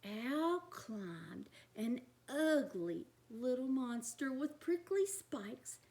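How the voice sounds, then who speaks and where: A high-voiced woman reads a picture book aloud to young children, very slowly and with lively, expressive swings in her delivery. She often breaks away from the text for chatty asides spoken directly to her young listeners.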